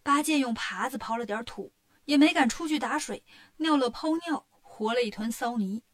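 Brief: woman storyteller for kids, fairly high voice, lively and plain. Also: normal speed. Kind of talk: children's story narration.

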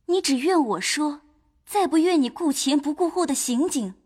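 Female actor: high, gentle, sensible young lady for an audio drama. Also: expressive, moderate pace. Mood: persuading. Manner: gentle, reasoning tone.

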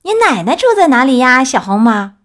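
A woman voicing a sly, scheming male wolf who wheedles and flatters. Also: high voice, a little fast, voice pushed up. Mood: wheedling. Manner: sweet-talking, wheedling.

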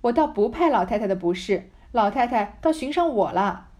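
A woman's voice: a little high, lively intonation, normal speed, mellow, dull audio, natural voice. A woman reading as a witty young wife. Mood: playful. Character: witty young married woman, quick-tongued, flattering.

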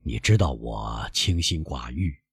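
A man reading an audiobook, voicing a frail, gentle old father who speaks weakly and softly, at times nearly whispering. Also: a bass voice, animated, a little slow, slightly rough, no room sound, studio quality, pitched below the performer's own voice, exaggerated voice. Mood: apologetic. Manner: weak, soft-spoken, sometimes whispered.

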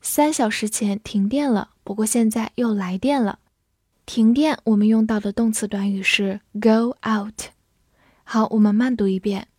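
Slow-spoken patient woman teaching English words. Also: on the high side, steady tone, darkish tone, slightly rough, no room sound, clean studio sound. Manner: patient, spells words letter by letter and repeats them slowly. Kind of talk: vocabulary lesson, spelling and slow read-alouds.

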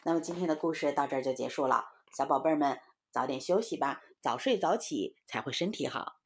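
Woman telling kids a bedtime story, soft and coaxing, lively up-and-down voice. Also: sits low, fairly quick. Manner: soft, coaxing, talks to children as little darlings. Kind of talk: bedtime story reading for children.

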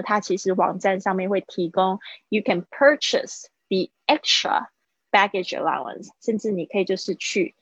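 A woman's voice: medium pitch, no room sound. Woman teacher drilling english words, lo-fi dry stream audio. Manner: mixes Mandarin with English, drawn-out vocabulary drills. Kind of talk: live-streamed language lesson. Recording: husky, dull lo-fi stream audio.

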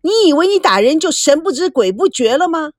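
A woman voicing a hysterical, wronged middle-aged wife and mother who wails shrill accusations, in a dry close recording. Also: big pitch swings, fairly quick, no echo. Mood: defiant.

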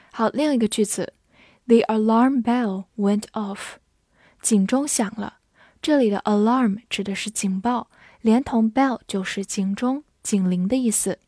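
A woman teaching English vocabulary, spelling words letter by letter and reading example sentences slowly for students to repeat. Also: fairly high pitch, warm tone, no room sound, studio quality. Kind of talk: scripted vocabulary lesson.

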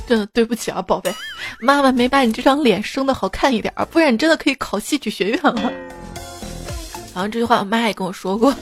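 A mother telling funny stories about her daughter in a chatty, playful comic monologue. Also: fairly high pitch. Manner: chatty, playful, laughs at her own jokes.

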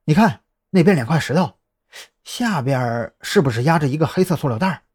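Calm young investigator, voiced by a man, low and measured, quietly decisive, husky tone, audiobook story.

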